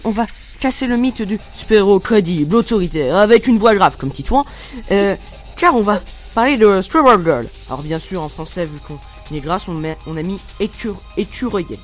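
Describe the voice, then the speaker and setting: A teenage boy presenting a superhero column on a school radio show, hesitant, with mock-serious asides. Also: high-pitched. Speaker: student columnist.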